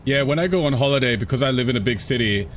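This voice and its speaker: A London man is live-streaming a game and chatting with viewers as he answers their questions, laughing a lot and repeating himself while he thinks out loud. His medium-pitched voice is expressive, rapid-fire and fairly bright. There's a little hiss or hum on the recording.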